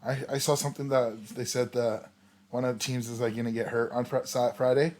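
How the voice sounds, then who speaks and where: A man's voice: medium pitch, fairly even intonation, fairly quick, darkish tone. A man co-hosting a casual wrestling podcast, agreeable and often echoing the others, with hesitant starts. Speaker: podcast co-host. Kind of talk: casual chat.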